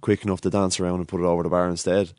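A man's voice: sits low, little pitch movement, rapid-fire, a little mellow, no room sound, studio quality. A man with an Irish accent giving unscripted sports analysis as a pundit.

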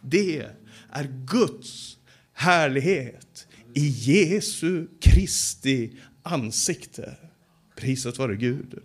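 A man preaching a sermon as a Bible teacher, stressing words loudly and then dropping to slow, quiet passages, often repeating key phrases. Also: a little high, expressive, slightly rough. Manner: emphatic preaching that swings between loud stress and slow, hushed passages. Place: Bible conference gathering.

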